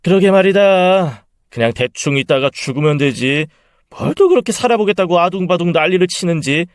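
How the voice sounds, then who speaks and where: A scheming, spiteful son-in-law, voiced by a man, talks with open contempt. His voice sits a little high and is recorded dry. He turns defensive and stammering when caught. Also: lively intonation, moderate pace, clean tone, no room sound. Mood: sneering. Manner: contemptuous, then flustered and pleading.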